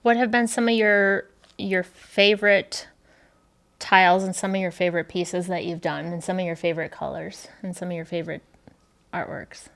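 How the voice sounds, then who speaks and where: A woman's voice: on the low side, fairly even intonation, moderate pace, creaky, a bit bright. A woman hosting a casual interview, upbeat and encouraging. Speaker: podcast host.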